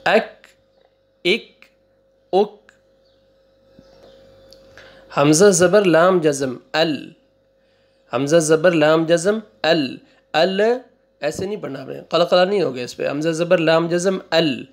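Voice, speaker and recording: A man teaching Quran reading, spelling out syllables slowly one by one, repeating them and correcting wrong readings. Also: on the high side. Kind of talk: slow spelling-out recitation lesson.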